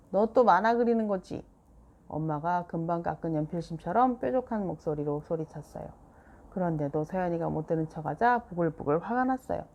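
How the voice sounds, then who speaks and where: A woman narrating a children's storybook aloud in a calm, even manner. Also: lowish voice, muffled recording. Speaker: storybook reader. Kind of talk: children's book read-aloud.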